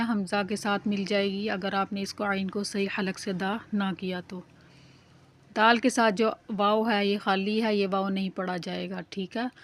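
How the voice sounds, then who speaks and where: A woman teaching Quran recitation, explaining each sound patiently and reciting the verses slowly and carefully. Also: medium pitch. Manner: patient, repeats "theek hai" to check understanding. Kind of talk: slow, careful tajweed lesson with drawn-out recitation.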